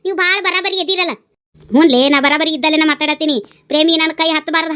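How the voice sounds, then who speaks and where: A woman voicing brash, foul-mouthed village women in a cartoon, hurling insults in a North Karnataka Kannada accent. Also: pushed and bright. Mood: scornful. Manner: shrill, scolding, rapid-fire insults. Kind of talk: cartoon voice acting.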